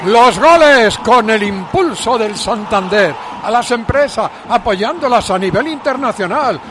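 A man from Spain shouting a sponsor message during a radio football broadcast. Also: very high voice, expressive, a little slow, background noise. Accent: Spanish from Spain. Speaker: sponsor announcer.

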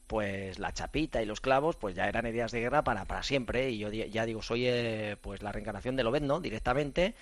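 A middle-aged man from Spain, a former athlete and running coach, chatting on a radio show in an animated, storytelling way with lots of fillers and restarts. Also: fairly low pitch, brisk, hardly any pauses, no echo. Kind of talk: casual radio chat.

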